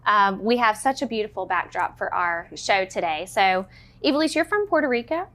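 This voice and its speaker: A woman's voice: medium pitch, expressive, moderate pace, a bit bright. A young woman hosting a cooking show, upbeat and chatty, who laughs easily and asks a lot of questions. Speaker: host. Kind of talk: casual cooking show chat.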